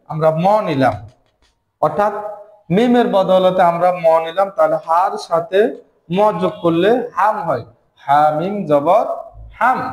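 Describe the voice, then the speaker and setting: A man's voice: sits high, a little mellow. Patient male Quran teacher, echoey room. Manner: patient, repeats syllables drawn out for learners. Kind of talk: spelling out letters and syllables slowly in a recorded lesson.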